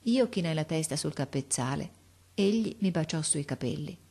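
A woman narrating an audiobook in a measured, expressive storytelling manner. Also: low-pitched, breathy edge. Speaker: audiobook reader.

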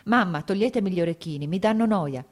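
A woman reading aloud and voicing a frightened young wife in labor, speaking in a rushed, high, breaking voice. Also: expressive. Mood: pleading. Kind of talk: audiobook character reading.

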